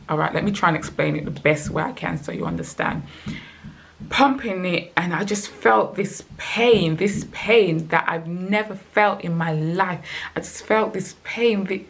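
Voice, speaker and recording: Young woman, lowish voice, emotional storytime chat, acts out quotes. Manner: emotional, animated retelling with acted quotes. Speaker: vlogger. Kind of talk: storytime vlog.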